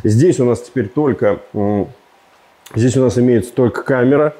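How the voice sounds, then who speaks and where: A man in his thirties, speaking at medium pitch and a moderate pace, reviews a car in a casual, joking, rambling style. He gestures animatedly as he talks, recorded on a lapel mic in a large indoor showroom.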